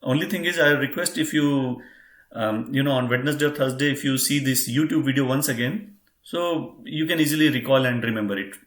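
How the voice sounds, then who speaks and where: A man's voice: mid-range voice, brisk, fairly bright tone. Male teacher running an online class, patient, repeats and spells; roomy echo. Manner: patient, repeats and spells words out, addresses "friends". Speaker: German language teacher.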